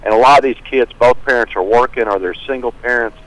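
A man's voice: mid-range voice, quick pace, fairly bright tone, dry recording, poor audio. A man speaking casually and earnestly as a caller on a radio phone-in, repeating himself as he goes. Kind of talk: casual talk.

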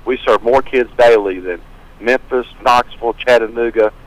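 A man's voice: mid-range voice, moderate pace, rough recording. A man speaking casually and earnestly as a caller on a radio phone-in, repeating himself as he goes. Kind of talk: casual talk.

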